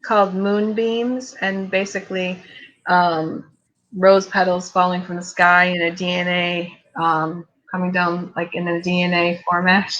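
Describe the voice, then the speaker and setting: A woman's voice: lowish voice, little pitch movement, a little slow, fairly bright tone, lo-fi sound. A woman co-hosting a casual chat, showing her own paintings and talking hesitantly with many ums and likes.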